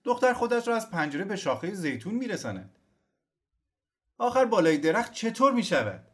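A man's voice: high-pitched, big pitch swings, a bit bright, voice pushed up. A man doing a chatty village gossip. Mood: gossipy. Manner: chatty, knowing, conversational.

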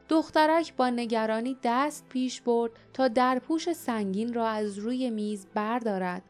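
A woman narrating a storybook with steady, expressive storytelling. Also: fairly high pitch. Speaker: audiobook narrator. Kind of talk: scripted narration.

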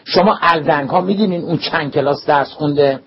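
A man voicing a furious middle-aged school principal who shouts, scolds and threatens, recorded dull and lo-fi with faint hiss. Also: medium pitch, fairly even intonation, pitched above the performer's own voice, close to an everyday voice. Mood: furious shouting.

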